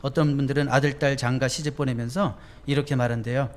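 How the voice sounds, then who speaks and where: A man's voice: mid-range voice, fairly even intonation, fast. A male pastor preaching a sermon in a conversational way, often asking the congregation questions.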